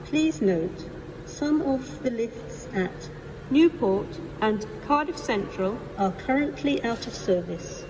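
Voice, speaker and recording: Slow female station PA announcer. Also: fairly high pitch, animated. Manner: measured, formal, item-by-item listing. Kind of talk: pre-recorded public address announcement, like an airport announcement. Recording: noisy station PA with vehicle ambience. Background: train station ambience, vehicles.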